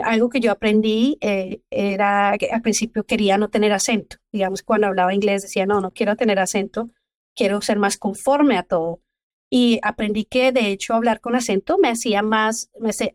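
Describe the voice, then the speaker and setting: A middle-aged Colombian woman speaks as a guest in an interview, giving advice in a steady, earnest way. Her voice sits at a moderate pitch. The sound is dry and close, with no room echo. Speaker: medical geneticist, podcast guest. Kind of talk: interview answers.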